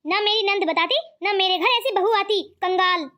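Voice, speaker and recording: A woman's voice: very high voice, moderate pace. A woman voicing a greedy, scolding older mother-in-law in a cartoon. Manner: scolding, sharp-tongued. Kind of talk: cartoon voice acting.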